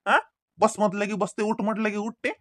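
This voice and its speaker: A bright, mid-pitched voice plays a defensive village man in a cartoon comedy, performed by a voice actor. He talks in a Vidarbha Marathi accent, stammering and repeating himself as he argues back. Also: level tone, brisk, no echo, studio quality, close to an everyday voice. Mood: accusing.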